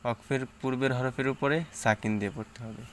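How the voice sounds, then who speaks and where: With a medium pitch and fairly even intonation, a man patiently teaches Quran reading, spelling out letters and sounding each syllable step by step. He recites louder and slower as he drills. A little hiss or hum is audible.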